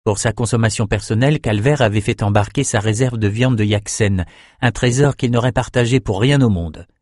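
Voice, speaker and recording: Guy reading an audiobook, even steady voice, dry close mic. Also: on the low side, fairly quick, no echo. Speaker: narrator. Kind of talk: audiobook narration.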